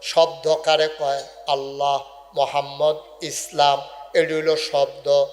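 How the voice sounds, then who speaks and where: A high-voiced male preacher gives a humorous sermon at a large religious gathering. He quizzes and teases the crowd in call-and-response, shouting some words and singing others. His voice rings out through a loudspeaker with a long, trailing reverb. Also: flat delivery, slow. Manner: shouts key words, sings some phrases. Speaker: Islamic preacher.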